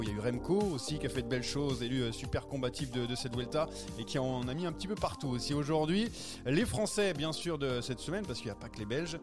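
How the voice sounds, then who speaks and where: A man hosting a casual podcast, chatting with guests over a remote call, with frequent fillers and restarts. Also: on the high side. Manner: sings the intro, then chatty with fillers and restarts. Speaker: podcast host. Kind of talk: casual cycling podcast chat.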